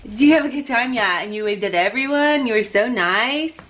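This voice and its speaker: A young woman vlogging casually at home, chatting to her viewers and switching to a high sing-song voice for her baby. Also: expressive, moderate pace, fairly bright tone, dull audio. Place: at home, then by car at a park.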